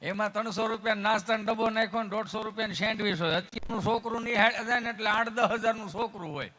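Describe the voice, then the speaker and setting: Bright-voiced stage comedian. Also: male voice, high-pitched, fairly even intonation, fast. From Gujarat, India. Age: young adult. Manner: folksy, acts out characters in his stories. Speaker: stand-up comedian at a folk stage show.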